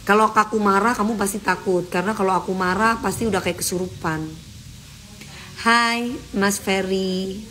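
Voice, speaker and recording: A woman's voice: medium pitch, fairly even intonation, fast talker, hardly any pauses, a bit bright, a little hiss or hum. A woman hosting an Instagram live, chatting casually with her viewers and speaking firmly and emphatically. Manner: firm, emphatic, talks straight to commenters.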